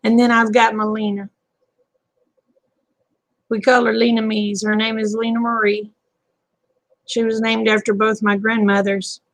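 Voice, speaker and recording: A woman's voice: a little high, little pitch movement, unhurried, pauses often, dry recording, low-quality recording. A woman in her fifties, hosting a live chat stream and talking casually with viewers in a folksy, talkative way, often chuckling. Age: 50s.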